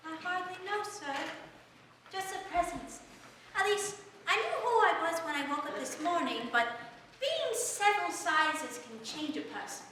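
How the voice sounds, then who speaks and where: Polite hesitant girl, played by a woman, very high voice, long church reverb, distant mic. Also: sing-song, measured pace, slight background noise, exaggerated voice. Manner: polite, hesitant, soft-spoken. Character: polite, puzzled young girl Alice. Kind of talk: live stage reading. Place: church sanctuary. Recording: echoey church hall from far off.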